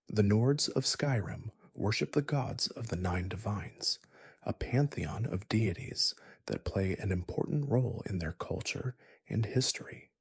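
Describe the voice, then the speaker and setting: A man narrating a bedtime story in a soft, gentle, soothing, breathy spa-like whisper, slow and unhurried. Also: fairly low pitch, no room sound, clean studio sound. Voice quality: breathy, husky, partly whispered.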